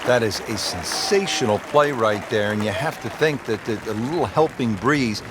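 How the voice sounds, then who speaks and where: A man playing an upbeat golf commentator in a video game, calling play in a measured, polished sportscaster delivery. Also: medium pitch, noisy background, natural voice. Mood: measured, approving. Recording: very loud crowd ambience behind the voice.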